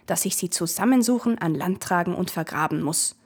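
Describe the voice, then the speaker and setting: A weary old ferryman from a storybook, patient yet firm when pushed. He speaks earnestly, with a husky, breathy tone , as a woman narrator voices him. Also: fairly low pitch, animated, fairly quick, darkish tone. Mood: grumbling.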